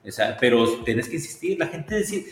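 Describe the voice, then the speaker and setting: Mexican dude hosting a podcast, chill and colloquial, big reverby room. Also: male voice, medium pitch, fairly quick, slight background noise. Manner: relaxed, colloquial, frequent "o sea" fillers. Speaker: podcast host. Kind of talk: casual podcast interview.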